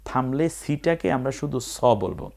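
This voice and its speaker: A man with a Bangladeshi Bengali accent teaching recitation, explaining letter by letter and chanting words in long drawn-out tones. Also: medium pitch, expressive, creaky, a little mellow. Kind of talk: spelling-out lesson.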